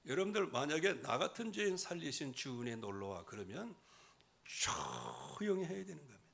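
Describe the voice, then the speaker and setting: A middle-aged male pastor preaching a sermon in church, swinging from loud emphasis to quiet asides. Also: a little high, very animated, moderate pace, vocal fry, slightly rough. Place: church sanctuary.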